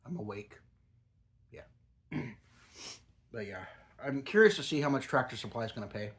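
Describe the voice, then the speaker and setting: A man's voice: mid-range voice, expressive, normal speed. A middle-aged or older man chatting casually and rambling like a home reviewer, talking with a lip full of dip. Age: middle-aged or older, a grandfather. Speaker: product reviewer.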